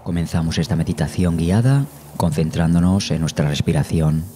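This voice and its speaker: This guided meditation comes from a man whose voice is very deep and dark, his pace slow and his manner soothing. Long pauses break up his measured narration, with meditation music in the background.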